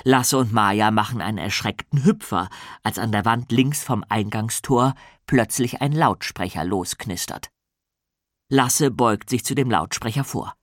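A man narrating a children's audiobook in an expressive storytelling manner. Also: on the low side, unhurried, no room sound, clean studio sound.

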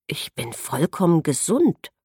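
A woman's voice: sits low, very animated, unhurried, dark tone, slightly rough, dry recording, studio quality, exaggerated voice. A woman voicing a dazed, stammering patient. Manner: stammering, evasive. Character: dazed young woman after fainting.

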